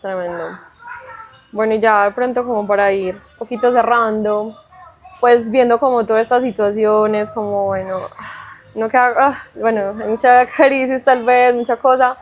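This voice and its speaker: A woman interviewer with a somewhat high voice eases into her question, hedging tentatively before she asks it. The recording sounds dull and lo-fi, with a faint hiss behind her.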